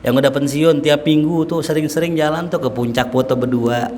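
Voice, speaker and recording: A man's voice: on the high side, fairly quick, big-room sound, slight background noise. A man preaching with a Jakarta Betawi accent, joking and acting out everyday scenes for his listeners. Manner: humorous, animated, acts out everyday scenes. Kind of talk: sermon.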